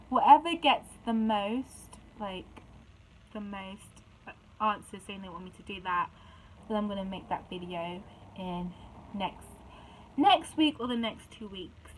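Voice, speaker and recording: A woman's voice: medium pitch, measured pace, slight background noise, poor audio. A young woman telling a story to camera in indignant, chatty vlog talk, often restarting her sentences. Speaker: vlogger. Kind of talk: casual storytime chat.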